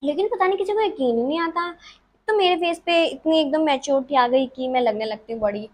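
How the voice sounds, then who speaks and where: High-pitched twenty yr old girl answering follower questions, chatty, jokes about herself, recorded on her phone in her room. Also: fairly quick. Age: 20s. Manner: chatty, giggly, self-mocking. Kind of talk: casual chat. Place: her bedroom by the wardrobe.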